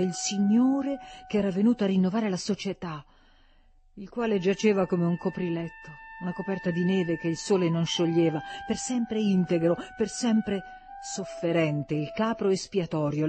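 A woman reads a literary novel aloud in a mid-range voice, shaping each sentence with care. She lets her pitch leap up when the characters call out. Faint music plays quietly behind her. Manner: expressive reading, lifts pitch sharply for quoted characters. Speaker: audiobook narrator. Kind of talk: literary audiobook narration.

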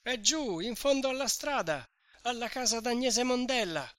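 A reader voicing a breathless village man who shouts urgent news to a crowd. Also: medium pitch, lively intonation, moderate pace, no echo, clean studio sound, pitched above the performer's own voice, natural voice.

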